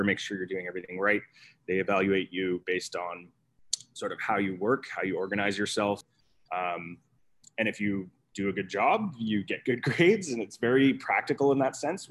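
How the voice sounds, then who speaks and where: A man's voice: deep voice, a bit bright. A man, an executive chef, talking casually and rambling with many fillers and restarts. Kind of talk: casual conversational storytelling.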